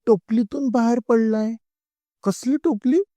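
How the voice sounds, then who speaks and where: A man's voice: extremely high pitch, unhurried, dark tone, no echo, voice pushed up. A man voicing a middle-aged aunt who scolds shrilly and scares easily. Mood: alarmed scolding.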